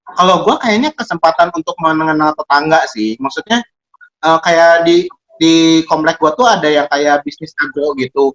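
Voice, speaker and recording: A man with a colloquial Jakarta Indonesian accent who cannot pronounce his R clearly, telling anecdotes in casual chat. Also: a little high, normal speed, fairly bright tone, poor audio.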